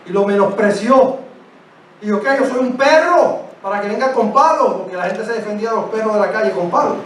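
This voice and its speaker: Male preacher, sermon, emphatic and exhorting, high voice, very echoey church, distant mic. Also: lively intonation, a little fast, slight background noise. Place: church sanctuary.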